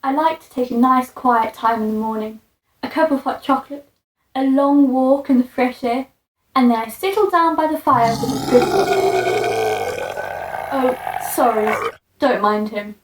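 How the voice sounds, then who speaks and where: Woman playing Belle, high-voiced bookish beauty. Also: sing-song, unhurried, vocal fry, heavily acted, rough recording. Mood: sweet, earnest. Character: sweet, bookish fairy-tale beauty Belle. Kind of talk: comic monologue in a family pantomime.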